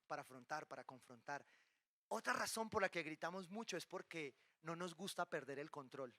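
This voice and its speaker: A male pastor delivers a sermon with a high, very bright and sharp voice. He keeps it lively, tossing rhetorical questions to the congregation and slipping in playful asides. The sound is dry and close, with little room around it. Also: dry recording. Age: adult, married with children.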